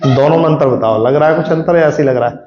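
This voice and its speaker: Hindi teacher lecturing in an echoey classroom. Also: male voice, fairly high pitch, very fast. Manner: explains patiently, asks students frequent questions. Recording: echoey classroom, dull lo-fi sound.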